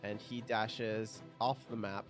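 A man playing a tabletop game, excitable and quick to exclaim and laugh. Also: fairly low pitch, faint music behind. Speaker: player.

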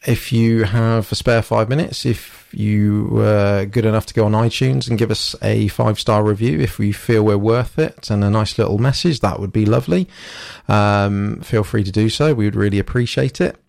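A man's voice: lowish voice, moderate pace, gravelly, few pauses, a little mellow, no echo. A man co-hosting a casual hobby podcast, thinking aloud with lots of restarts and fillers, close to the microphone. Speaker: podcast co-host.

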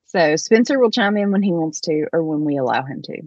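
A woman's voice: low-pitched, expressive, a little fast, background noise. A woman co-hosting a casual podcast chat, her voice coming through tinny and tin-can-like from a bad connection, with teasing, dry banter. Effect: tinny tin-can sound from a bad connection. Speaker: podcast co-host.

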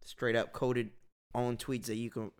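American man, mid-pitched, frat-bro slang, profane casual chat, hosting and reading out news. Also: flat delivery, a little slow, smooth. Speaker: talk show host reading out odd news.

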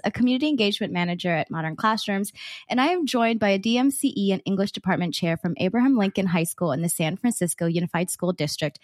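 A woman hosts a casual podcast interview, slightly out of breath and quick to laugh. Her voice sits in a middle pitch, and the sound is dry and close with no room around it. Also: no room sound. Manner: bubbly, laughs often. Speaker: podcast host.

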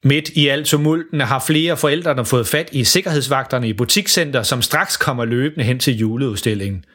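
A man narrating a children's Christmas story as an animated storyteller. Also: medium pitch.

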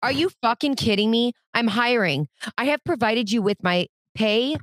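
A woman's voice: a little high, normal speed, no echo, clean studio sound. A middle-aged woman co-hosting a casual political chat, blunt and exasperated, swearing freely. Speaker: co-host.

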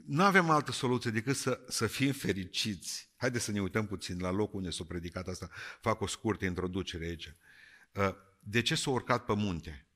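A man with a deep but bright, cutting voice preaches a sermon to a congregation. He jokes and teases, rising to loud calls and dropping to quiet, earnest words. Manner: lively, jokey, swings between shouting and quiet.

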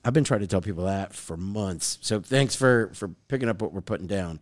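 A man's voice: on the low side, fairly quick. A man co-hosting a sports podcast, joking around and reading out viewer comments. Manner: upbeat, jokey, reads out viewer comments. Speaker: podcast co-host. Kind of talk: casual sports podcast chat.

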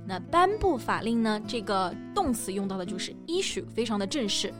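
A woman's voice: mid-range voice, very animated, brisk. A woman co-hosting a bilingual language lesson, explaining word meanings step by step. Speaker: co-host and English teacher. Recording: faint music underneath.

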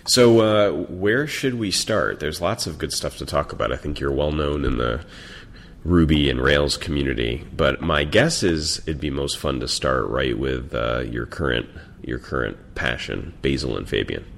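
A man's voice: rumbling low, normal speed, gravelly, fairly bright tone, slight background noise. A man hosting a podcast, asking questions in a hesitant, chatty way, often restarting words and laughing. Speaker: podcast host. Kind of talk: casual interview chat.

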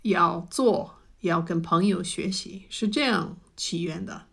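A woman's voice: lowish voice, slow, gravelly, slightly rough. A middle-aged British woman, a native English speaker, speaks Mandarin with a foreign accent in an interview, using simple phrasing and searching for words. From United Kingdom. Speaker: interview guest, food writer and cook. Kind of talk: conversational interview answers.

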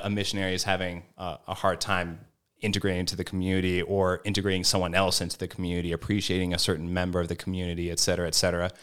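A man speaking as a formator on a podcast panel, giving reflective, searching answers with many pauses and restarts. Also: low voice, fairly bright tone, clear, resonant tone.

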